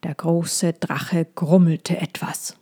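A woman reads a children's story at an unhurried pace, her voice soft and mellow. She sits low in pitch and keeps a calm, measured telling, often sinking near a whisper. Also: breathy edge.

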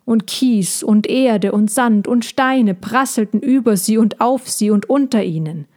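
A woman reading a children's story aloud, calm and unhurried, with brief livelier character lines. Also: a little high.

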